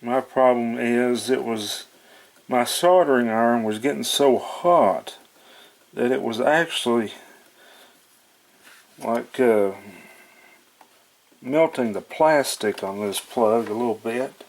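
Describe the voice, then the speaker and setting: Speaking slowly at medium pitch and pausing often, a hobbyist walks through fixing some electronics with folksy, hesitant, off-the-cuff narration, working things out out loud. The recording carries noticeable background noise with clicks.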